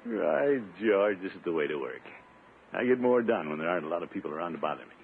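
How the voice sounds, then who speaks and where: An actor playing a pompous, impulsive middle-aged bachelor uncle with blustery, theatrical delivery in 1950s radio comedy style. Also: male voice, low-pitched, big pitch swings, fast talker, narrow, tinny audio. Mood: restless, scheming. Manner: blustery, theatrical, talks to himself. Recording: noisy, band-limited 1950s radio recording.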